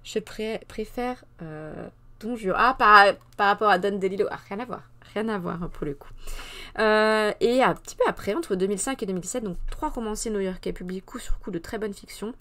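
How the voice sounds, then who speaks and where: A woman's voice: mid-range voice, normal speed. Chatty woman hosting a hesitant book review. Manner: hesitant, many fillers and self-corrections; chatty, frank personal opinions. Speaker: host of a culture segment. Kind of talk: casual live-stream book review.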